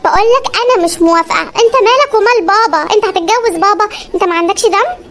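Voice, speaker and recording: A performer voicing a stubborn young bride in a comedy cartoon, speaking Egyptian Arabic in a sharp, defiant manner. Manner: sharp, defiant, fast squeaky voice. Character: stubborn young woman bride refusing a suitor.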